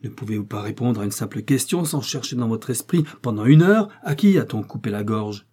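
A man reading an audiobook aloud and voicing a fierce, domineering brigand baronet who barks impatient questions, in a husky, dark voice. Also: mid-range voice, expressive, brisk. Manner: harsh, impatient, barking questions.

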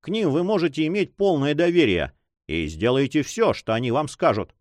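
A man's voice: fairly high pitch, animated, normal speed, no room sound, close to an everyday voice. A man voicing a secretive young man in love in his own voice, earnest, reassuring and insistent.

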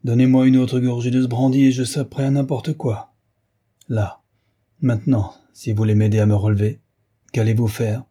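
Male reader doing a shaken, worn-out nobleman in an audiobook, dark husky voice. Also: medium pitch, flat delivery, normal speed, natural voice. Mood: weary.

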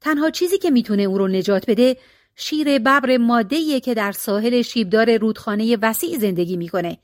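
A woman's voice: a little high, animated, dry recording, clean studio sound, natural voice. A woman reading the lines of a brave, dutiful young archer in a folk tale. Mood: earnest.

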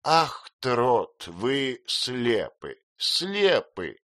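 A man reading an audiobook, voicing a blunt, fond elderly great-aunt who speaks in brisk exclamations. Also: mid-range voice, sing-song, a bit bright, no echo, clean studio sound, pitched above the performer's own voice, full character voice. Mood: wistful. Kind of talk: audiobook character voice.

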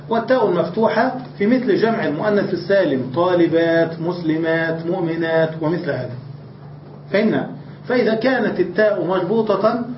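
A religious scholar with a rather high voice gives a grammar lecture in a classroom, posing questions and then answering them himself. The recording is distant, roomy and dull, with slight background noise.

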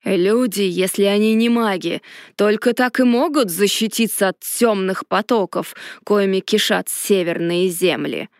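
A gruff, mocking male dragon from a storybook, played by a woman narrator. He drawls his words slowly and rolls a rumbling, growling R, sounding both irritated and smug. The voice is close and dry, with no room around it. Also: dry recording, close to an everyday voice. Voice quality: growling rolled R. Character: gruff sarcastic male dragon, huge and scaly.

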